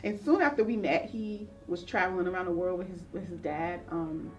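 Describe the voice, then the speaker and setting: A woman's voice: fairly low pitch, brisk. A woman counselor telling her own life story in an interview, earnest and reflective, acting out the voices of people she remembers. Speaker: counselor guest. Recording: voice a little distant from mic, faint music.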